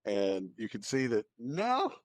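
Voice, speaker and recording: An American man co-hosts a podcast, talking over the news in a casual, opinionated way and repeating phrases for emphasis. His mid-range voice swoops wildly in pitch at a slow pace, with no echo.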